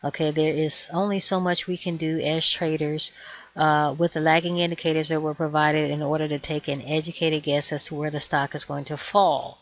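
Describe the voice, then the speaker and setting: A woman with a hoarse, fading voice giving a measured, explanatory stock chart tutorial over a screen share, adding cautionary asides. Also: deep voice, level tone, dull audio. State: hoarse, losing her voice. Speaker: trading educator.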